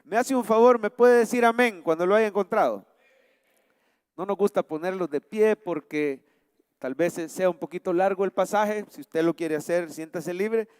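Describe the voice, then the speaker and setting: A man's voice: high-pitched, moderate pace, a little mellow, clear, resonant tone, dry recording, clean studio sound, in a large hall. A man preaching a sermon as pastor, with emphatic delivery and call-and-response questions to the congregation. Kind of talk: sermon with scripture reading and prayer. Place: church sanctuary.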